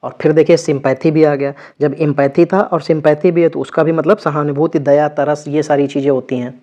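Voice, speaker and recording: In this exam vocabulary lesson, the teacher's voice sits on the high side, dark and steady, moving a little fast. He explains each word's meaning, repeats terms, and checks in with students after every item.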